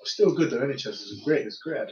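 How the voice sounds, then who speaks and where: A young man with an urban English accent chatting casually, blunt, slangy and quick to contradict. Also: mid-range voice, slight background noise. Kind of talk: casual group chat. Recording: echoey room, distant muffled mic.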